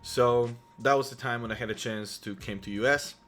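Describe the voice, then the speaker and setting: Soft music sits under a mid-range, slightly bright male voice that keeps a steady tone at normal speed. The speaker, a Polish vlogger in his thirties with a Polish accent, recounts his life to camera in a chatty, meandering way full of restarts.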